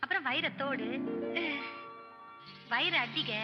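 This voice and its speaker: A woman's voice: high-pitched, expressive, slow, dull audio, over music. A woman playing a young wife in a film who pleads for help for her husband, then speaks with sweet slyness. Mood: pleading. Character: young wife pleading, later sly schemer. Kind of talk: Tamil film dialogue.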